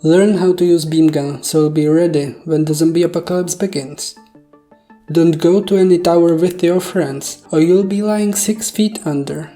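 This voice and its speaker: Low, mellow woman recounting a dream, puzzled. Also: moderate pace. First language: Czech. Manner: self-deprecating, jokey, puzzled asides and mock-serious boasting. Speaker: video storyteller. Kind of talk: casual dream-recounting monologue. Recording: faint background music. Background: soft music.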